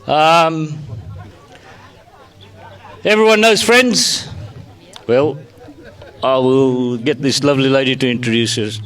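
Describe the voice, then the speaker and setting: A man's voice: mid-range voice, slow, pauses often, a bit bright, a faint crowd. A man speaking casually as a tour guide, announcing to a group at a festival.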